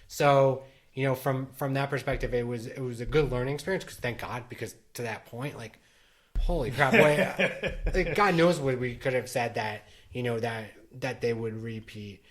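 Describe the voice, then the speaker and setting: A man's voice: mid-range voice, moderate pace. Middle-aged dad rambling on his podcast, lots of um and like, casual chat. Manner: rambling, many restarts and fillers. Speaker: podcast co-host.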